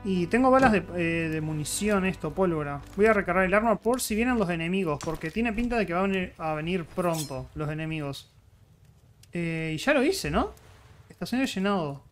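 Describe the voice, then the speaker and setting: A man's voice: high-pitched, expressive, moderate pace, a little hiss or hum. A man with a Rioplatense Spanish accent, chatty let's-play commentary as he thinks aloud through crafting and fights. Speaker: gaming YouTuber.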